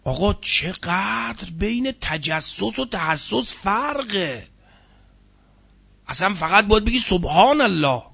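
Through dull audio comes a high, creaky, sharp-toned male voice delivering a Quran lesson. He works through the meanings of the words, explaining each, emphasizing key ones, and asking his listeners rhetorical questions.

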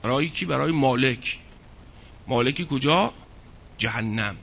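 A man giving a religious lecture who recites verses slowly and explains them with rhetorical questions. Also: mid-range voice, animated, creaky, a bit bright, breathy edge. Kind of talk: Quran exegesis lecture. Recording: dull lo-fi recording.

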